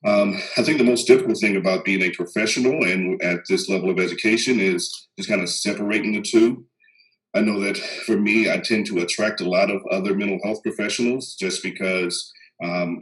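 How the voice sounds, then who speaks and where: On a panel, a guest psychologist from Texas, a man in his thirties with a faint accent, talks casually in a low, fairly bright voice. He chuckles, restarts often and says "um" a lot, keeping a measured pace. The audio is rough.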